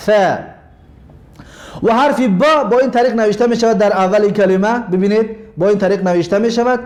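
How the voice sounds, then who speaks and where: A man with a Tajik Persian accent teaches a language lesson in a high voice with a darkish tone. He explains slowly, repeats his points, and spells words out.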